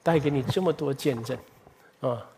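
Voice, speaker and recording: A man's voice: mid-range voice, moderate pace, dark tone, slight background noise. A middle-aged male pastor preaching a sermon in an earnest way, asking the congregation rhetorical questions and building up emphasis.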